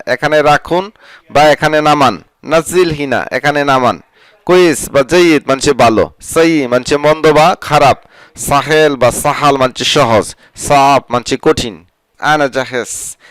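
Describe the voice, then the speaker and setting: Man calmly teaching vocabulary phrase by phrase. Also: medium pitch, no room sound. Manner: repeats each phrase, then explains it. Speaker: language teacher. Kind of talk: scripted vocabulary lesson.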